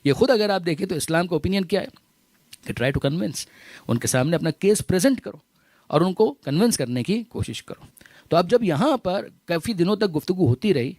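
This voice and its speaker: High-voiced male cleric, emphatic repetitions. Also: dry recording. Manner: repeats phrases for emphasis, recites Arabic verses; mixes English words into speech. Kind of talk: religious lecture.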